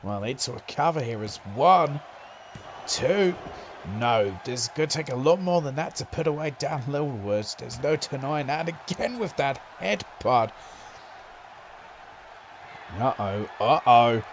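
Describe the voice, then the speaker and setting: A man doing excitable play-by-play wrestling commentary, breaking into loud exclamations. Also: mid-range voice, a little slow, highs cut off, a little hiss or hum.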